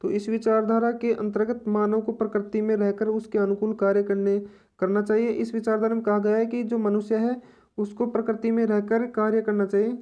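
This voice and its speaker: A woman teaching an exam-prep lesson, explaining slowly and repeating each point in other words. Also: medium pitch, flat delivery, mellow, lo-fi sound.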